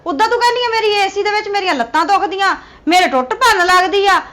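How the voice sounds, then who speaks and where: A sharp-tongued Punjabi daughter-in-law, played by a woman, with a very high voice and a bright, cutting edge. She scolds and dismisses the old mother in this family drama. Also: expressive, fast talker.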